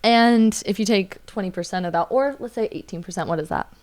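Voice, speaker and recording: Young woman guest, smooth voice, casual rambling storyteller. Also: mid-range voice, brisk, darkish tone. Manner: chatty storyteller with many fillers and likes. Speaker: podcast guest, waitress. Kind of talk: casual podcast chat, storytelling.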